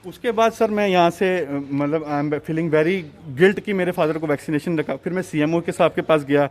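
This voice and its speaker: A man's voice: a little high, normal speed. A man in his twenties telling a reporter how he was treated, agitated and switching between Hindi and English. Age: 20s. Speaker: interviewee, patient's son. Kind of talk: on-camera interview.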